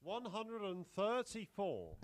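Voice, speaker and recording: A man's voice: sits high, wildly swooping pitch, slow, a little hiss or hum. A man working as a darts score caller, announcing scores and legs in short, formal calls.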